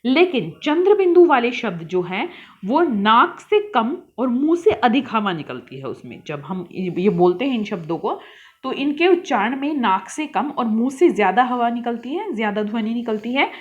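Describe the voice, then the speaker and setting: A woman teacher going through a worksheet with young children, calling them beta and reading each word slowly and carefully. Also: on the high side, sing-song, lo-fi sound.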